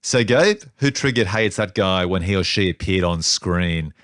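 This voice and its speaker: A man's voice: low voice, lively intonation, fairly bright tone, no echo, studio quality. A man co-hosting a movie review podcast, chatting casually and playfully with frequent laughs. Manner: playful, laughs often, quick asides. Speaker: podcast co-host.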